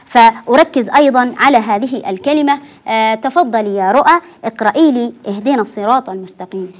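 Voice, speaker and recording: A woman teaching children Quran recitation on a TV program, patiently repeating words slowly syllable by syllable. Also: a little high. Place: TV studio.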